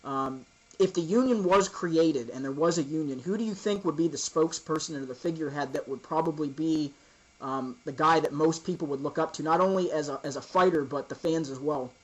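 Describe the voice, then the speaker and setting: A man hosting an informal interview, asking casual questions in a halting, roundabout way. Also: on the high side, poor audio.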